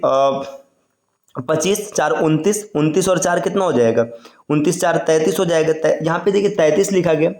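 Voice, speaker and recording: A man's voice: a little high, a little mellow, echoey room. A man teaching an online exam-prep lesson, explaining step by step and stretching out sounds as he goes. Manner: explains slowly, drawing out sounds and repeating "है ना".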